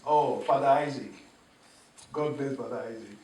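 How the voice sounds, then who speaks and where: A man preaching a sermon as pastor, animated, chuckling and calling for the congregation to respond. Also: medium pitch, moderate pace. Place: church. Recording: echoey church room, mic at a distance.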